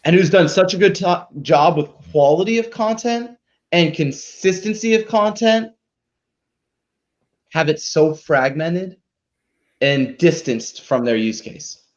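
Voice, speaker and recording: A man with a slightly high voice and lively intonation speaks slowly as he hosts a live marketing show. Casual and emphatic, he presents and critiques, frequently asking for agreement with tag questions, and the audio is dull and lo-fi.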